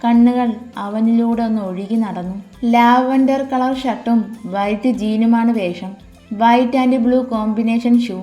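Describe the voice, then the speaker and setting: A woman narrating a romance novel as an audiobook, in smooth, even storytelling, recorded in an echoey room. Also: on the high side, unhurried. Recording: echoey room, faint music.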